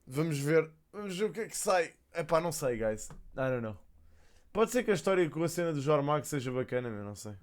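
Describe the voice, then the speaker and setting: A man's voice: on the high side, big pitch swings, a little fast. A man with a European Portuguese accent giving casual, slangy, sweary reaction commentary as a streamer, slipping in English. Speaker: streamer reacting to a game announcement.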